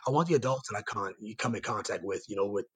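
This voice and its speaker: A man with a raspy, hoarse voice, worn from yelling, giving earnest, rambling answers as a coach being interviewed. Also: on the low side, fast talker. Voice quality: raspy, strained voice. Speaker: high school basketball coach and site coordinator, guest.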